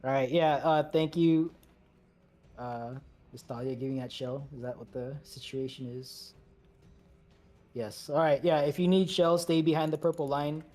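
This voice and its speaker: A man leading a game raid, calling out instructions briskly, repeating commands and slipping in joking asides. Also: on the high side, darkish tone. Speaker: raid leader. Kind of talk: calling instructions over voice chat while gaming.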